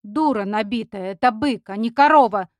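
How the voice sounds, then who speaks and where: Woman reading as a gruff barking village man. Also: on the high side, a little slow, no echo, lightly acted. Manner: barking, scolding. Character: gruff rude village man, scruffy, angry.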